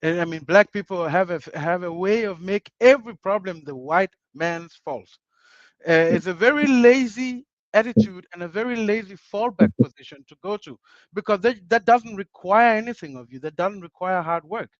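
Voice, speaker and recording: A man from Uganda, a guest on a panel discussion, speaks earnestly in a high voice with lively intonation at normal speed, restarting phrases and repeating himself for emphasis. The recording is dull, lo-fi and dry, with no room sound.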